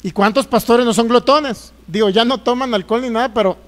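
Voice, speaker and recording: A man's voice: extremely high pitch, brisk. A middle-aged man with a Jalisco Mexican accent, preaching a sermon as pastor, jokey and folksy, firing rhetorical questions.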